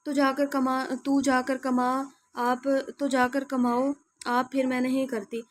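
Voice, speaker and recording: A woman voicing a young married mother in an audio novel, tearful and pleading, in a flat, fairly high voice. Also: close to an everyday voice.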